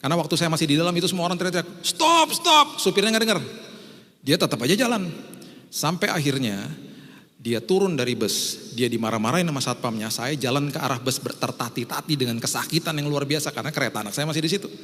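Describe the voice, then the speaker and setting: A middle-aged pastor from Indonesia tells a story from the pulpit in a voice of ordinary pitch, animated and anecdotal, slipping into the voices of the people in his tale. His words ring out with a long reverb, as in a large hall. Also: fast talker. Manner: lively anecdotal storytelling, acts out quotes. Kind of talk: storytelling sermon.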